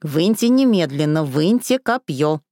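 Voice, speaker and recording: A woman's voice: on the low side, lively intonation, moderate pace, mellow, no echo, studio quality. A woman reading a storybook and voicing a confused, indignant young woman. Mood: pained, hysterical. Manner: bewildered, protesting.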